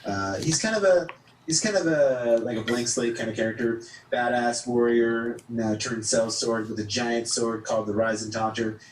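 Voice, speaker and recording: A man introducing himself and his character as a player in a tabletop game, in a laid-back, unhurried way. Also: medium pitch, slight background noise. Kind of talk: casual self-introduction. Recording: roomy, distant mic.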